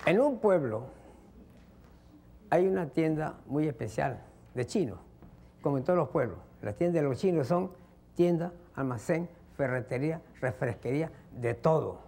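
A man's voice: fairly high pitch, moderate pace, creaky, husky. A man telling jokes as a stand-up comedian, acting out each character. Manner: lively storyteller, acts out characters.

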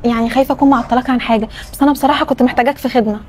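An actress playing a polite, worried young Egyptian neighbor asking a favor, with an Egyptian Arabic accent. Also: female voice, high voice, steady tone, racing, a little mellow, a little hiss or hum, lightly acted. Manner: polite and pleading. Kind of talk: Egyptian web drama acting.

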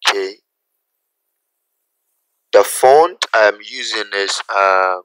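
Guy walking thru a design tutorial, slow and chill, smooth clear voice, keeps saying okay. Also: fairly low pitch, a bit bright, dry recording, rough recording. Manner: unhurried, repeats steps, asks "okay?" often. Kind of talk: screen-recorded software tutorial.

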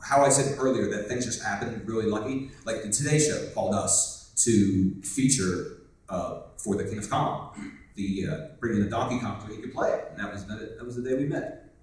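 A slightly low-voiced man telling a rambling, joking story at a convention panel. He is heard from far off in an echoey hotel meeting room, with a faint hum of the room behind him. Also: normal speed, darkish tone.

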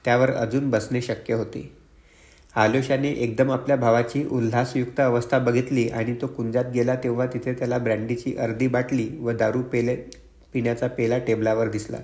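A male audiobook narrator with a mid-range voice that hardly rises or falls, reading in a steady, level way. The room around him adds a clear echo to each line. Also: mid-range voice, moderate pace. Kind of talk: scripted narration. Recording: roomy echo.

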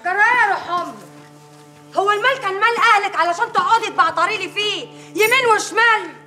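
A bossy, sharp-tongued village mistress. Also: female voice, very high voice, quick pace, soft background music. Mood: scolding. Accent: Egyptian Arabic. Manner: scolding, bossy, mocking. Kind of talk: Egyptian TV drama.

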